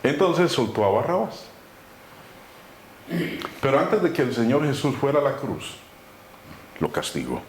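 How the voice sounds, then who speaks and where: A man preaching a sermon, swinging between loud emphatic lines and low hushed phrases. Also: sing-song, unhurried, long pauses. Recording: very echoey room with faint noise.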